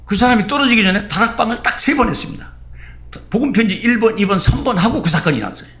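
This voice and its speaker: A middle-aged man preaching a sermon as a pastor, telling a story with lively bursts and acted-out quotes. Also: fast talker. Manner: animated, acts out quotes with sudden high bursts.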